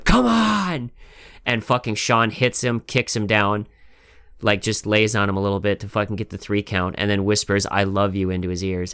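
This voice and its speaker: A man's voice: on the low side, a bit bright, smooth, dry recording. A man hosting a casual podcast chat. He talks in an emphatic, rambling way and swears a lot. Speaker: podcast host.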